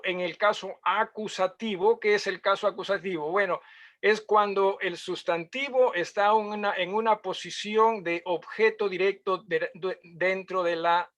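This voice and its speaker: A male pastor explains Greek grammar to his congregation in a high-pitched voice. He is patient and methodical, and he keeps pausing to ask his listeners whether they follow. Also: a bit bright. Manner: explanatory, checks listeners with frequent questions. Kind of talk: Bible teaching.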